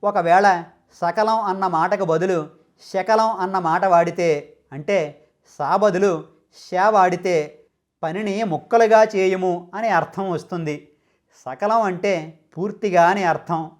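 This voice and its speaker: A man giving a scripted, carefully enunciated explanation of how to pronounce sacred chants. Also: high voice. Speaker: channel host explaining mantra pronunciation.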